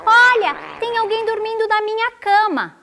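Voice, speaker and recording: A woman voicing a little bear cub in a children's story, with a thin, tiny voice, shouting. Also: very high voice, normal speed, heavy background noise, pitched above the performer's own voice. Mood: upset.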